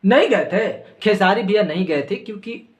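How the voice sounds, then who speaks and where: A man's voice: sits high, animated, normal speed. A man with a Bhojpuri accent hosting a casual comic gossip chat, teasing and rambling with asides. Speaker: host of a gossip channel.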